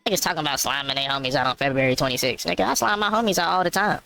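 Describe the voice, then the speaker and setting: A man's voice: on the high side, racing, creaky, bright, forceful tone, slight background noise. A man delivering a mock-serious comedy monologue, insisting on absurd claims. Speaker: skit comedian.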